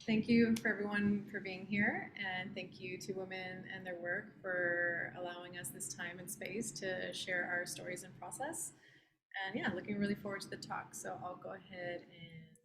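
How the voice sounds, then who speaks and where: Woman in her 20s from southern Texas, casual earnest artist presenting over a video call, flat delivery, echoey room, noisy background. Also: on the low side, moderate pace. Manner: casual, earnest, many fillers. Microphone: computer mic on a video call.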